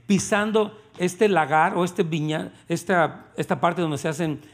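A preacher doing Isaiah as a slangy, amazed onlooker. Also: male voice, a little high, steady tone, a little slow. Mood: teasing. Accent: Mexican Spanish. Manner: casual, slangy, incredulous questions.

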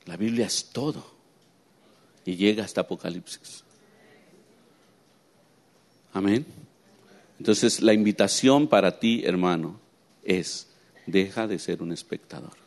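A man preaching a sermon, swinging between quiet low asides and high excited emphasis and often asking his listeners questions. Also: slow, long pauses. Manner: asks the congregation rhetorical questions.

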